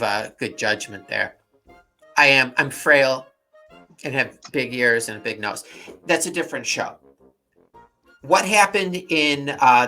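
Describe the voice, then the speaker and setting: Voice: mid-range voice, sharp tone. An adult co-host chatting casually, hesitantly prompting the other speaker with questions. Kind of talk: casual chat.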